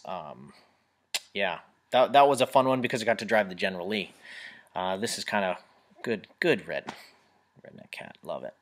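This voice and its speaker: A man's voice: on the low side, a bit bright. A man casually chatting on a live webcam stream from home, rambling as he reads out and answers viewer comments. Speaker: live chat host answering fan questions. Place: home room.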